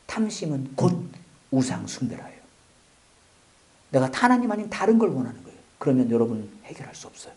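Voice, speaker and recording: A man preaching a sermon as a pastor, with joking asides, swinging from loud exclamations to near-whispers. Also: mid-range voice, sing-song, fairly quick, long pauses.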